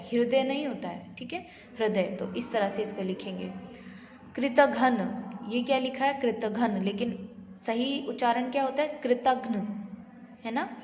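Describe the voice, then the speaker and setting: A woman teaching a grammar lesson, asking her students questions and then answering them herself, with English words mixed in. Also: fairly high pitch. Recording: echoey room, slightly dull audio.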